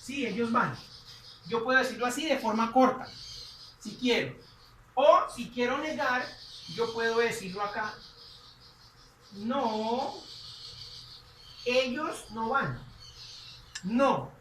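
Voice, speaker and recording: Woman, grammar teacher, higher voice, drawn-out phrases repeated, echoey room. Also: animated, fairly bright tone, recorded from a distance, slight background noise. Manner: slow, repeats each phrase as she writes. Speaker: English teacher. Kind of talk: classroom grammar lesson.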